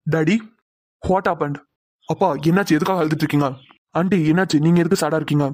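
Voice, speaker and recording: A man's voice: a little high, steady tone, fairly quick, darkish tone, no room sound, lightly acted. Man voicing a baffled young cartoon son. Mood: confused. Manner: puzzled, questioning. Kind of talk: cartoon voice acting.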